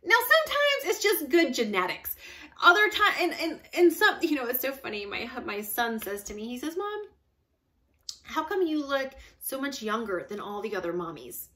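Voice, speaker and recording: A woman in her forties coaching viewers on fitness in an upbeat, chatty way. Her voice sits a little high and sounds bright and forward. She's close to a webcam in a small room, emphatic and quick to laugh. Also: sing-song. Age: 40s. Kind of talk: casual direct-to-camera talk.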